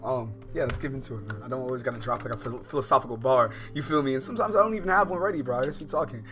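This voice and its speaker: An American man with a medium-pitched voice hosts a casual gaming livestream, reading a visual novel aloud with music playing behind him. His speech is informal and slangy, and he rambles, halts, and keeps interrupting himself.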